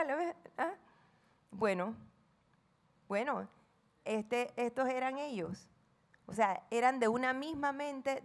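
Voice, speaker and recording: Expressive Panamanian woman preaching. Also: sits high. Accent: Panamanian Spanish. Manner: dramatic, reads scripture with emphasis, asks the congregation questions; playful asides acting out friends' chatter. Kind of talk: sermon.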